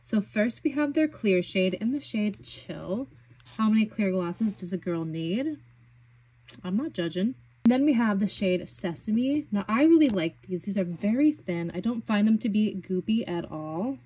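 Breathy young woman gushing over makeup. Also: mid-range voice, expressive, a little slow, warm tone. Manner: gushing, enthusiastic, chatty with many fillers. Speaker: beauty vlogger. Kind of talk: casual product swatching chat.

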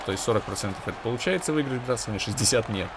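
A man's voice: lowish voice, lively intonation, very fast, crowd noise, background noise. A man giving casual, conversational commentary on his own hockey video game, with analytical asides to viewers.

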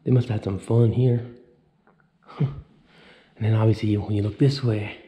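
Excited man touring an empty mansion. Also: lowish voice, moderate pace, a little hiss or hum. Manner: excited, awed exclamations, thinking aloud. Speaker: urban explorer vlogger. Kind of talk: casual walkthrough vlog. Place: large empty indoor mansion rooms. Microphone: handheld action camera at arm's length.

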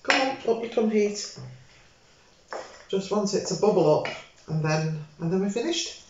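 A woman's voice: medium pitch, expressive, a little slow, noisy background. An older woman hosting a home cooking video, chatting casually and rambling as she cooks at her table. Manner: chatty, rambling, self-correcting. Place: home dining room, indoors. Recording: very echoey room, dull lo-fi sound.

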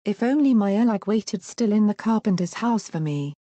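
A woman's voice: medium pitch, animated, moderate pace, dark tone, dry recording, lightly acted. A woman voicing a proud young warrior king from a storybook, who laments and gives stern instructions. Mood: lamenting. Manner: lamenting, then commanding. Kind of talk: storybook reading.

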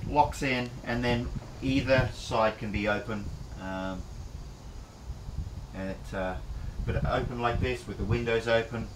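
A middle-aged man walks through a boat tour in a relaxed, plain-spoken way, pausing on ums and restarts. His voice sits at an ordinary middle pitch. The camera mic picks up clear outdoor noise around him. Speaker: boat charter owner giving a tour. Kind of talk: casual walkthrough tour. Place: aboard a catamaran, cabin and open cockpit.

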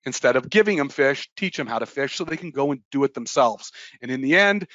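A man giving an emphatic, energetic webinar presentation as a trading educator, with frequent fillers. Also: medium pitch, brisk, no echo. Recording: dull, dry lo-fi webinar audio.

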